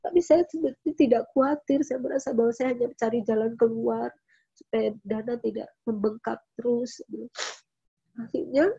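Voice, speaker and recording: Middle-aged woman, church testimony, earnest and emotional, higher husky voice, dull dry lo-fi recording. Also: fairly even intonation, moderate pace, dark tone, no room sound. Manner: earnest, emotional storytelling that acts out quoted speech. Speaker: widow giving a church testimony. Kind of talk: personal testimony.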